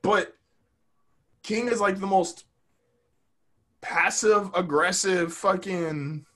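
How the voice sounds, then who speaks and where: A man co-hosting a casual podcast, ranting and swearing in excited bursts. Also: high voice, takes it slowly. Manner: animated, swearing, rants in bursts. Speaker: podcast co-host. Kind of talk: casual chat.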